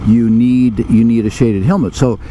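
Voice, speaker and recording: An American man in his sixties vlogging casually and haltingly from inside a motorcycle helmet as he rides. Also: medium pitch. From United States. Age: 60s. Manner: rambling, halting, speaking while riding. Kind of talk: casual riding vlog. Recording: inside a helmet, loud wind and road noise.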